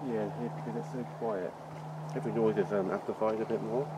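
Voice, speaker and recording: A man's voice: fairly low pitch, fairly even intonation, quick pace, heavy background noise. A man chatting casually as a vlog companion, rambling and repeating words, picked up outdoors by a handheld camera. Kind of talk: casual chat. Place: outdoors in woods and open field at night. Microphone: camera mic, handheld.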